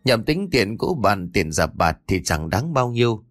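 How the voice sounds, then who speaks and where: Man, dramatic story narration, lively pitch, faint music behind. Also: a little slow, no room sound, studio quality. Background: faint background music.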